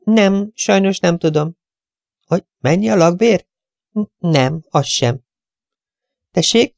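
A man's voice: high-pitched, expressive, vocal fry, no echo, studio quality, pitched above the performer's own voice. A man reading an audiobook and voicing a scatterbrained young female receptionist who muddles numbers on the phone. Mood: flustered. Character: flustered young female estate agency receptionist.

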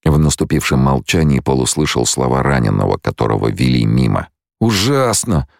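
A man narrating an audiobook in a measured storytelling manner. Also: rumbling low, fairly even intonation, gravelly, a little mellow, dry recording, clean studio sound. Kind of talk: scripted narration.

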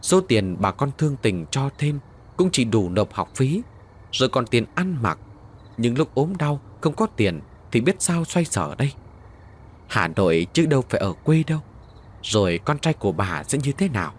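A male storyteller giving a dramatic, expressive scripted narration of a village tale. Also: medium pitch, moderate pace, husky.

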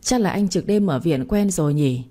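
An earnest, grieving young woman pleads in a storybook reading, voiced by a woman. Her voice is low and mellow. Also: expressive, normal speed.

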